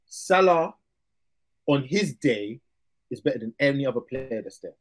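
A man's voice: medium pitch, expressive, unhurried. A young man with a London accent hosting a casual football discussion, slangy and repeating himself for emphasis. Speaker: podcast host.

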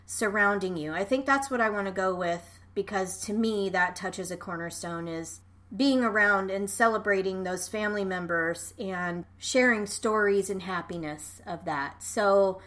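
A woman's voice: mid-range voice, a little slow, a bit bright. A woman co-hosting a podcast in casual chat, talking frankly and rambling, swearing offhandedly. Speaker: podcast co-host.

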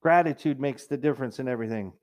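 Middle-aged male pastor, mid-pitched, conversational sermon delivery with mocking whiny asides. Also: fast, darkish tone. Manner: conversational preaching, mimics complainers in a raised whiny voice.

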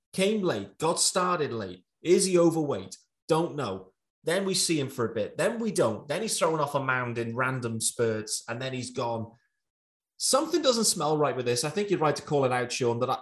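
A man hosting a podcast, chatting casually and handing the talk to his co-hosts. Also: fairly high pitch. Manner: conversational, hands off to co-hosts. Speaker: podcast host. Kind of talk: casual chat.

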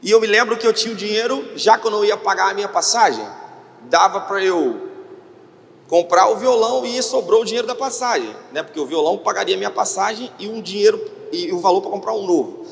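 A man with a Brazilian Portuguese accent gives a sermon testimony, retelling events with quoted dialogue. His voice sits a little high for a man. The sound rings with long reverb, as in a church hall. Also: fast talker, gravelly. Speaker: preacher.

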